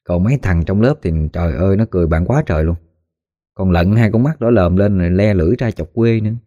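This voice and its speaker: Low, dark-voiced man telling a ghost story. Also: quick pace, no room sound, lo-fi sound. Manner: folksy, animated retelling with quoted voices. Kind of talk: spoken ghost story narration.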